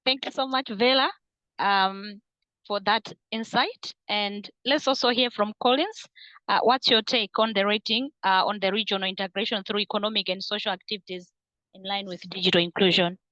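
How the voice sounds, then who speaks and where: A woman's voice: medium pitch, fairly even intonation, moderate pace, sharp tone, no room sound. A woman from Malawi moderating an online panel, polite and using many fillers. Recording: muffled online call audio.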